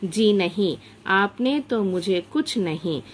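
A meek young governess who speaks in a soft, hesitant voice, as a woman teacher reads her lines. Her words come very slowly. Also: medium pitch, lively intonation, slight background noise.

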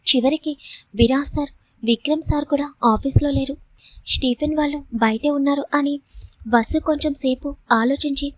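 A woman narrating a serial drama audiobook in a steady storytelling manner. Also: high-pitched, moderate pace, no echo.

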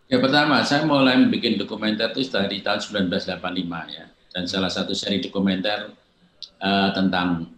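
An older man, a film director, giving measured, explanatory interview answers and acting out quoted exchanges. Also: on the low side, fairly bright tone. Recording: roomy echo.

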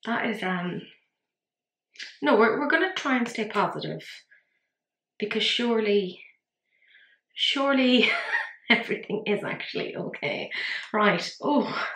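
A woman with an Irish accent chats through a makeup review at home, in a casual vlog style. Her voice sits at a middle pitch, and she fills her talk with "um" and "like" as she reassures herself. The recording carries a noticeable roomy echo. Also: sing-song, measured pace, creaky, long pauses, a bit bright. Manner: chatty, talks herself through trouble, many fillers. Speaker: beauty vlogger.

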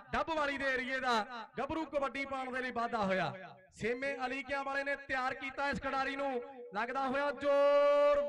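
A man with a Punjab accent giving frantic, exclamatory rural sports commentary as a live kabaddi commentator. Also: extremely high pitch. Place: outdoor village sports ground. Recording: loud outdoor crowd, public-address commentary.

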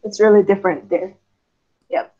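A woman's voice: medium pitch, fairly even intonation, normal speed, dark tone. A young woman, an exchange student, speaking hesitantly with many ums over earphones on a video call. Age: young adult. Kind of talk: casual video-call conversation. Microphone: earphones with mic on a video call. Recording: dull lo-fi call audio.

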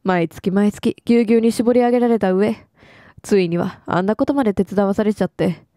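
A woman's voice: medium pitch, fairly quick, dark tone, no echo, studio quality, lightly acted. A woman reading the lines of a self-pitying, debt-ridden woman from a game, complaining in a whiny, dramatic way.

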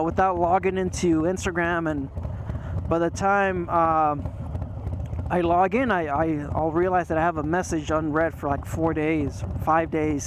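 A fairly high-pitched man rambles on in a loose, easygoing way, restarting his sentences again and again. He is talking into a camera mounted on his motorcycle helmet. Loud engine and road noise runs under every word. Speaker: motovlogger. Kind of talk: rambling casual chat. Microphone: helmet-mounted action camera.

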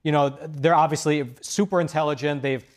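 Young male panelist, somewhat high voice, rambling and hesitant, studio lapel mic. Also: steady tone, normal speed. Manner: rambling, many restarts and fillers.

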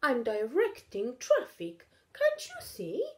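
A woman's voice: sits high, wildly swooping pitch, slow pace, dark tone, voice pushed up, full character voice. A woman voicing a playful little boy who is always too busy pretending, in an emphatic sing-song way. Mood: cheeky.

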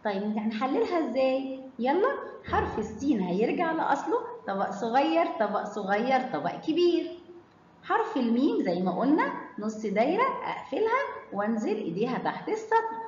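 A woman with an Egyptian Arabic accent teaching children to read, stretching out syllables slowly and quizzing them with questions. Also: high-pitched, very animated, darkish tone, slight background noise. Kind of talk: children's phonics lesson. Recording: echoey hall, slightly dull sound.

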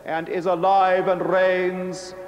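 Clergyman, slow sung intoning, cathedral echo with long reverb. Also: high voice, flat delivery, muffled recording. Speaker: clergy leading the Easter vigil. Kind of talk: chanted liturgy. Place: large stone church. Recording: long echoey church reverb.

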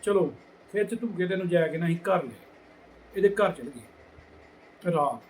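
A middle-aged man with a Majhi Punjabi accent telling a village anecdote casually, acting out the people in it and dropping to hushed tones. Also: high voice, measured pace, a little hiss or hum, poor audio. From Punjab border region. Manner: lively, acts out quoted people, drops to hushed tones. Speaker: storyteller.

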